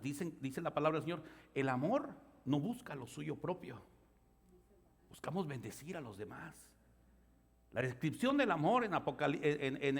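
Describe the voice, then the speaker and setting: A man pastor preaching a sermon, telling stories and acting out the voices, building to loud outbursts. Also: fairly high pitch, slightly rough. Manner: storytelling preacher, acts out voices, rises to shouts. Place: church sanctuary. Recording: church hall reverb.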